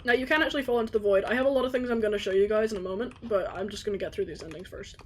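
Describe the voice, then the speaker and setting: A woman's voice: mid-range voice, rapid-fire, slight background noise. A woman streaming a game, chatting casually and informally with viewers and adding self-aware asides as she goes. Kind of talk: casual gameplay commentary and chat with viewers.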